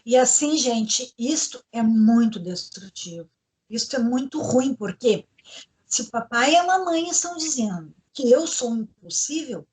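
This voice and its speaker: High-voiced earnest woman. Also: expressive, a little slow, a little mellow. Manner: earnest, instructive, addresses the audience directly. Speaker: host, educational psychologist. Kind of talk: panel discussion on parenting.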